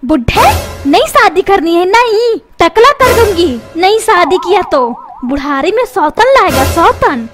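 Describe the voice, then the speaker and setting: A woman's voice: very high voice, big pitch swings, unhurried, loud music behind the voice, full character voice. A woman doing a quarrelsome nagging cartoon mom. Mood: scolding. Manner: nagging, threatens, calls names. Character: quarrelsome scolding cartoon mother. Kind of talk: comedy cartoon dubbing.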